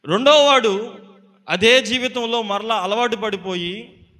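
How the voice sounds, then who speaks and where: Male preacher voicing a grieving mother, pleading and repetitive, high bright tone, hall reverb. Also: unhurried. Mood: lamenting.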